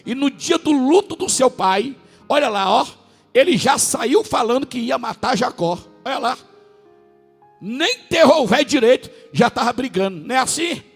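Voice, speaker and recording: Raspy high-voiced preacher man. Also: expressive, big-room sound, soft background music. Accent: Brazilian Portuguese, northern. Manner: preaching with sudden shouted peaks and drawn-out words. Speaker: pastor. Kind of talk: sermon.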